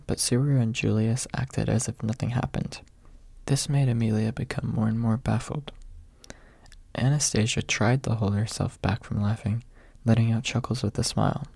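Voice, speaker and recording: An audiobook narrator tells a story in a soft ASMR style, his medium-pitched voice gravelly and husky. The sound is close and dry, with almost no room in it and no room sound.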